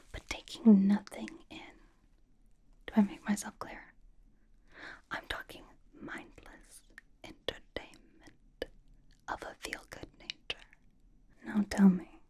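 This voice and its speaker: In a whispered ASMR roleplay, a woman plays a bossy, playful young pop idol, giving slow, mock-stern instructions. Her breathy whisper is medium-pitched and mellow.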